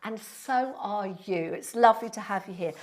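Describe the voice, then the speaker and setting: On a live stream, a sixty-year-old Pilates instructor reads out viewer comments and thanks people by name, friendly and rambling with plenty of fillers. She speaks at medium pitch and a moderate pace.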